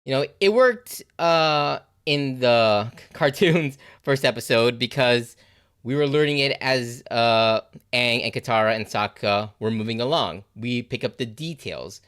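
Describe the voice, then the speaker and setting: A man giving casual, animated reaction commentary on a TV episode, swearing freely and saying "like" and "you know" a lot. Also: medium pitch, unhurried, clear, resonant tone. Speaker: reaction video host.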